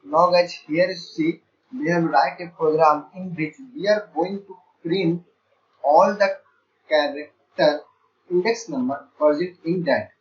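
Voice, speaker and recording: Male coding tutor, fairly high voice, step-by-step explainer, muffled lo-fi mic. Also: a little slow. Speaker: programming teacher. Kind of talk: screen-share coding lecture. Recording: dull lo-fi sound.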